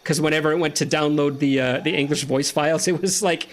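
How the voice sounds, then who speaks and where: A man's voice: a little high, steady tone, fast. A man giving casual, joking let's-play commentary while chatting with a friend. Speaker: gaming streamer.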